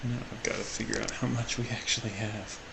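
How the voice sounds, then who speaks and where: A man's voice: fairly low pitch, fairly even intonation, a little fast, creaky. A man playing a tabletop role-playing game, slipping casually between his own talk and his character's words. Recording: noisy home recording.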